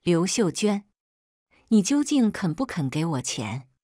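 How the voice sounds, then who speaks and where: A woman's voice: fairly low pitch, big pitch swings, measured pace, mellow, no echo, clean studio sound. A woman voicing a manipulative young pregnant daughter who pleads and stammers, in scripted storytelling. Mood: hostile.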